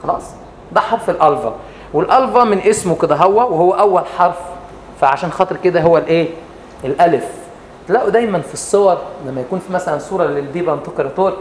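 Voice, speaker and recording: An Egyptian man teaches in a brisk, slightly raised voice, patiently walking the class through each point and asking it questions. He is recorded in an echoey room with faint noise behind him. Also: high-pitched. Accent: Egyptian Arabic. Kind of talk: explanatory lesson.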